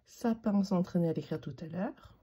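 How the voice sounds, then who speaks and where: A patient woman teacher talks young children through handwriting, naming each letter as she forms it. Her voice is very dark and husky. The sound is dull and lo-fi. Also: lowish voice. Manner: slow, patient, spells out each letter while writing.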